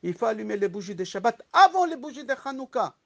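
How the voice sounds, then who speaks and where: Speaking fast with a creaky, high-for-a-man voice and a slight lisp, a rabbi teaches a class through lively stories, rhetorical questions and impressions of people he quotes. The recording has its highs cut off.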